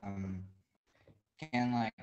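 A man asking a question in a discussion group over a video call, hesitant and halting, his audio choppy and breaking up from a bad internet connection. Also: mid-range voice, dark tone, lo-fi sound. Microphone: computer microphone on a video call.

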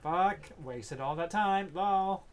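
A man's voice: sits high, takes it slowly. A man streaming a game with casual, joking, crude chat and plenty of swearing. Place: indoor room, game sound behind. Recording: faint background game noise.

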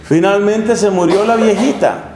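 High-voiced friar preaching. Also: male voice, normal speed. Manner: lively storytelling, acts out scenes with humor. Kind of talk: sermon. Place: chapel in a monastery. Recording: echoey room, faint hum.

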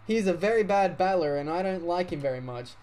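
A woman's voice: fairly low pitch, expressive, a little fast, mellow, close to an everyday voice. A man voicing a haughty female dancer with a snooty, catty way of talking. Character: haughty young woman dancer, spiteful.

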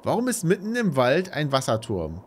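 A man's voice: fairly high pitch, wildly swooping pitch, normal speed. A man in his thirties giving casual, musing game commentary, muttering to himself as a let's player. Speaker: let's player, gaming streamer. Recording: loud ambient game noise behind voice. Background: horror game ambience.

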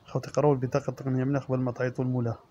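Fast monotone Algerian man, muffled audio. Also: medium pitch, slight background noise. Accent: Algerian Arabic. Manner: monotone listing of specs and prices. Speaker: used-car price presenter. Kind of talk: reading out car listings.

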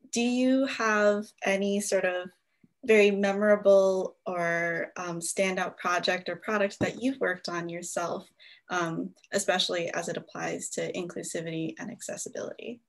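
A woman's voice: mid-range voice, flat delivery, measured pace. Upbeat young woman moderating a call. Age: young adult. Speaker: workshop moderator. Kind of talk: casual hosting on a video call.

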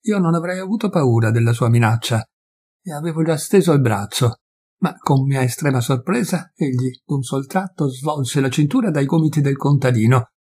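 Husky male audiobook reader. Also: medium pitch, lively intonation, darkish tone. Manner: measured storytelling. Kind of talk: literary narration.

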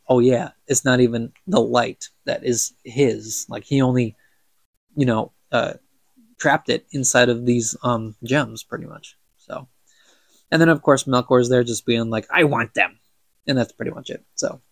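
With a stuffy nose and a gravelly, mid-range voice, a young man reads aloud from a book on a podcast and talks it over casually. The audio has no echo, and he chuckles whenever he fumbles a word.

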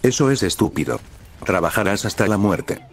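A man's voice: fairly low pitch, animated, normal speed. A man reading as a distraught young woman. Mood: upset.

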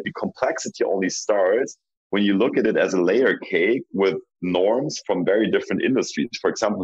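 Panel guest, male founder, deep husky voice, measured and searching for words, dull dry sound. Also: no echo. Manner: measured, thinking aloud with restarts. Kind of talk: panel discussion.

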